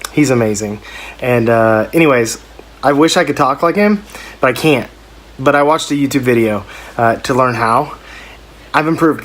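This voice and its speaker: A man's voice: medium pitch, fairly bright tone. A man co-hosting a podcast, chatting in a rambling, playful way. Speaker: podcast co-host. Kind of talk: casual podcast chat.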